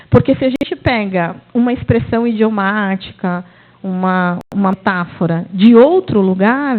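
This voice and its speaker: A middle-aged woman with a Brazilian Portuguese accent, giving a university talk and telling classroom stories. She tells them expressively and acts out the quoted dialogue. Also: fairly high pitch. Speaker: university lecturer. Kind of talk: academic talk with classroom anecdotes. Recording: tinny phone-like audio.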